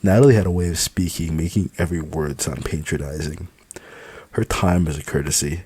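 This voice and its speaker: Deep husky male audiobook narrator. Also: steady tone, brisk, mellow. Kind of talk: first-person novel narration.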